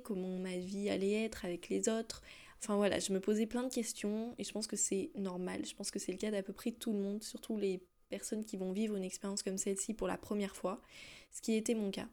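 A young French woman with a medium-pitched, dark-toned voice hosts her own solo podcast. She thinks aloud, using many fillers and frequently restarting her sentences.

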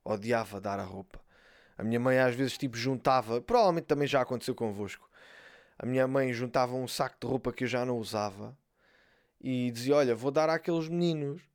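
A man from Portugal with a European Portuguese accent, a comedian talking in a casual monologue, animated and slangy, acting out quoted lines. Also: mid-range voice, brisk. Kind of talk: casual stand-up style monologue.

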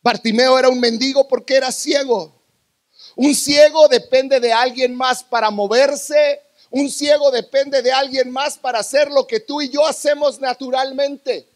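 High-voiced dramatic male preacher. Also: steady tone, measured pace. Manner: dramatic, swinging from loud bursts to hushed lows. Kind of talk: sermon. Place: church before a congregation.

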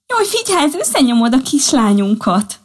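A woman's voice: mid-range voice, a little mellow, close to an everyday voice. A woman voicing a stubborn pregnant female rabbit who walks the tightrope in a storybook. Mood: teasing.

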